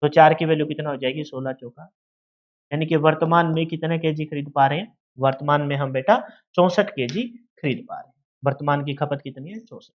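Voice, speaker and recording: A man's voice: on the high side, brisk, dull audio. Haryanvi-tinged man teaching exam maths. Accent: Haryanvi-tinged Hindi. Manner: explains with everyday shop scenarios, asks students questions. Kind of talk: exam-prep maths lesson.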